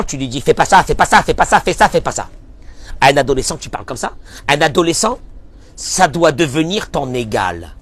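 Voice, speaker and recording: A man preaches as a rabbi in a fairly high voice. His delivery is lively and impassioned, rising to loud bursts and falling to soft murmurs. He weaves Hebrew phrases through his French. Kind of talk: sermon.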